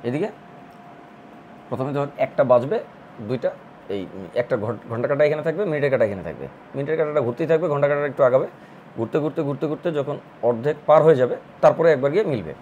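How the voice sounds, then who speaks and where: Lively math teacher. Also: male voice, fairly high pitch, a little hiss or hum. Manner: explains step by step, repeating counts in rhythmic lists. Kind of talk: online admission-prep math lesson.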